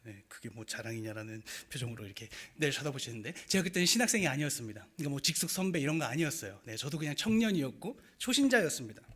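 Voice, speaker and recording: A young man preaching a sermon, telling a personal story in a lively, animated way. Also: medium pitch, fast, hardly any pauses, breathy edge. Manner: animated storytelling with acted quotes and rising emotion.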